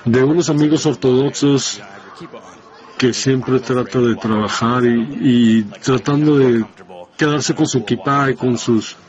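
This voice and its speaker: Slow, hesitant man on a dull recording. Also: mid-range voice, darkish tone. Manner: halting, hesitant, many restarts. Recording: dull lo-fi sound.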